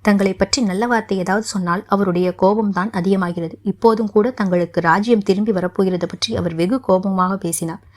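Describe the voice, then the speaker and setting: A woman's voice: medium pitch, steady tone, fairly quick, close to an everyday voice. A woman reading as a fearful young princess. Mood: anxious. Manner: soft, anxious, sorrowful.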